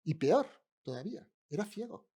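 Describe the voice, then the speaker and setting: A man delivers a sermon in a church, chatting with the congregation in a humorous, easy way. His voice is somewhat husky, with a lively, swinging pitch. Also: moderate pace. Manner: conversational, humorous, addresses congregation. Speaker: pastor preaching. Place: church in Barcelona.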